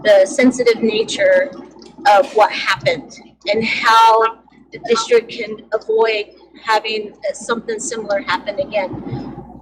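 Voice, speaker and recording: A woman serving as a school board president, speaking by car speakerphone while driving, earnest and halting with many restarts. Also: on the high side. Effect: car speakerphone call. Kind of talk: public meeting remarks by phone. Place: inside a moving car. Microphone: phone on speaker while driving. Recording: noisy car phone call with road noise, breaking up. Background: vehicle road noise.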